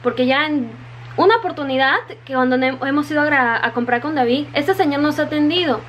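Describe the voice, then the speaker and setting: A woman's voice: sits high, brisk, a bit bright, slight background noise. A woman in casual vlog talk, chatty and repeating her words, often calling her viewers "chicas", still wet from the rain. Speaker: vlogger. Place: her home in Japan.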